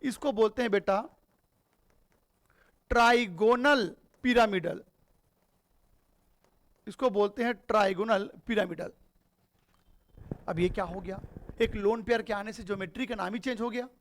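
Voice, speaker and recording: A man's voice: high voice, a little slow, pauses often. A man teaching a chemistry class. He asks his students questions and answers them himself, calling them "beta". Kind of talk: classroom lecture.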